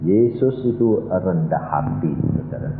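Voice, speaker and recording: Animated preacher, roomy tinny sound. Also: male voice, low voice, unhurried, music in the background. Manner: animated, teasing the congregation with questions and mock prayers. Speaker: evangelist preacher. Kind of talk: sermon. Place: church.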